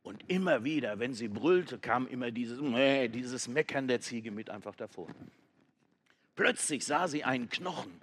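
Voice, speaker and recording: A man narrating a children's animal story in a slow, lively storytelling manner. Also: medium pitch, a little hiss or hum.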